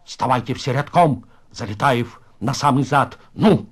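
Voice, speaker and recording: A man voicing a nervous but fierce prison elder with Yiddish-flavoured speech, urging hushed and commanding in sharp cries. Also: a little slow, husky. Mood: shrill commanding. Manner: hushed and urgent, then shrill commanding shouts.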